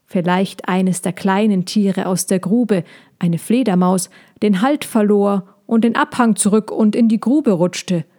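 Slow, mellow woman reading a story. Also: mid-range voice. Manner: calm, unhurried storytelling with brief livelier character lines.

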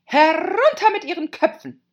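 A woman voicing a furious, hot-tempered queen who screams her orders in a shrill, loud voice in an audiobook. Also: wildly swooping pitch, very slow, slightly rough, dull audio, exaggerated voice. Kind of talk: audiobook character voice.

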